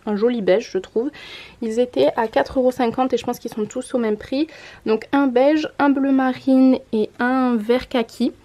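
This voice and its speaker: A woman's voice: on the high side, mellow. A woman in her twenties chatting casually in a haul vlog, showing clothes to the camera and correcting herself as she goes. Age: 20s. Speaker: mom vlogger. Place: home room by a window.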